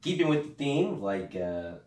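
A young man telling a rambling comic story in casual chat, deadpan with loud bursts. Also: mid-range voice, moderate pace. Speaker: guest comedian. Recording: roomy sound from a distant mic.

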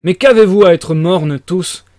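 A man's voice: on the high side, moderate pace, a little mellow, dry recording, clean studio sound, close to an everyday voice. A man reading aloud and voicing a feverish, irritable young student who speaks in abrupt, agitated bursts. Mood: shouting. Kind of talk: audiobook reading.

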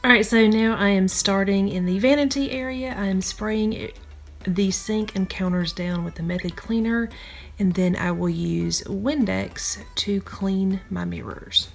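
A woman's voice: medium pitch, steady tone, measured pace, creaky. A woman in her thirties giving casual step-by-step voice-over narration of her cleaning routine in a chatty manner. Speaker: cleaning vlogger. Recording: soft background music.

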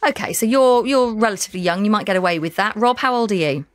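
A woman in her thirties hosting a live radio discussion from a studio, chatty and brisk. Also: mid-range voice, no room sound. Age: 30s. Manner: brisk, chatty, lively presenting. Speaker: radio show host.

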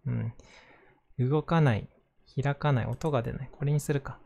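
Relaxed male voice, mellow, casual and soft-spoken, a little apologetic. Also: medium pitch, normal speed, vocal fry. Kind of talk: casual aside to listeners.

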